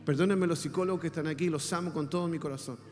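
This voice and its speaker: A man with a Chilean Spanish accent preaching a sermon as a pastor, leading the congregation in call-and-response and swinging from soft speech to shouts. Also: a little high, fairly even intonation, racing, big-room sound, soft background music.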